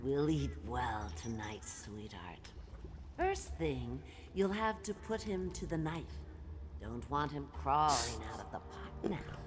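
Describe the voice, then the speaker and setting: A woman's voice: very deep voice, sing-song, slow pace, noisy background, full character voice. A woman voicing a mad old cannibal granny in a video game, crooning breathily with doting, menacing endearments. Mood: sweetly sinister. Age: older. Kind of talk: video game character acting.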